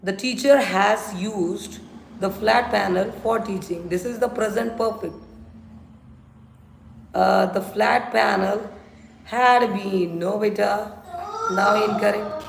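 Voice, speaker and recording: A woman's voice: mid-range voice, fairly even intonation, slow pace, creaky, pauses often. A woman with an Indian accent teaching English grammar on a live stream, instructive and repeating examples and rules for her students. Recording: roomy echo, faint noise and clicks.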